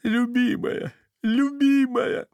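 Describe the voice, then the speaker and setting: A man's voice: extremely high pitch, steady tone, slow, a little mellow, clear, resonant tone, dry recording, voice pushed up, full character voice. An actor playing a sentimental, tearful elderly nobleman who slips French into his speech, in an audiobook reading. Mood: pleading. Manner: breathless pleading, mixing in French. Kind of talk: audiobook character voice.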